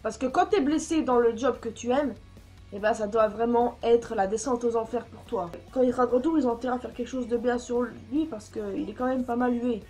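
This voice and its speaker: Woman, high voice, blunt casual vlogger giving her opinions, light swearing, faint music under. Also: fairly quick, darkish tone. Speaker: YouTuber. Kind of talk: casual news commentary vlog.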